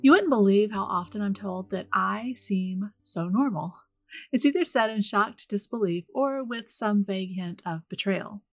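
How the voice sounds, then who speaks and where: Southern woman, soft voice, dry and direct podcast host, close dry mic. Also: mid-range voice, moderate pace, dry recording, faint music behind. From rural northern Florida, US. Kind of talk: scripted solo podcast monologue.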